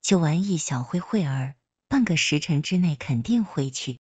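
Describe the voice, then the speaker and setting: A woman's voice: low voice, animated, moderate pace, darkish tone, husky, no echo. A woman reading a story aloud, voicing a cheeky, playful young man who wheedles and teases.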